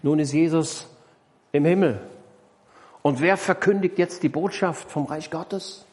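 A man's voice: on the high side, measured pace, darkish tone. A man preaching a sermon, explaining a parable and questioning his congregation, emphatic and repeating key phrases.

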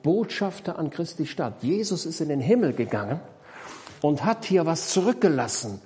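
A man's voice: a little high, very animated, normal speed, darkish tone. A man preaching a sermon, explaining a parable and questioning his congregation, emphatic and repeating key phrases.

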